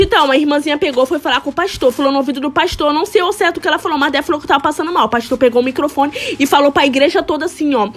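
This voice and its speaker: A woman with a high, bright-sounding voice tells a first-person story at a quick clip. She talks dramatically, calling out to her listeners and repeating phrases for effect. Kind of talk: first-person story narration over slime video.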